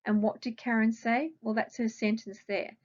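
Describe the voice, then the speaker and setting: A woman's voice: on the high side, flat delivery, normal speed, dull audio. A woman with an Australian accent, a primary school teacher patiently explaining a recorded grammar lesson to children and asking them questions.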